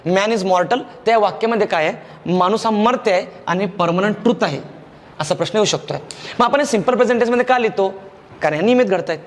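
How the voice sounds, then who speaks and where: A man's voice: high voice, long reverb tail. A man with a Marathi accent teaching a grammar lecture, explaining patiently, repeating key phrases and checking that students follow. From India.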